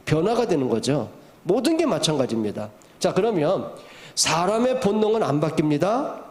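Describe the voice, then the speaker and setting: A man's voice: a little high, big pitch swings, normal speed, darkish tone. A middle-aged male pastor preaching a sermon, asking the congregation rhetorical questions and repeating his key points for emphasis.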